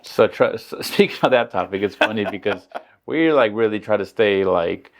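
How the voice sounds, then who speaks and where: A man hosting a podcast, talking in a relaxed, chatty way with frequent short laughs. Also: lowish voice, moderate pace. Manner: chatty, agreeable, laughs often. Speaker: podcast host. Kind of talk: casual podcast conversation.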